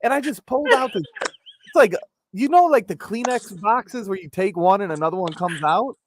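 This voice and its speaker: Animated joking man with popping p sounds. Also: high voice, moderate pace. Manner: joking, rambling. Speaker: host of a live-streamed talk show. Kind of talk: casual comedic live chat, reading viewer comments. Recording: clicks and pops, faint background noise.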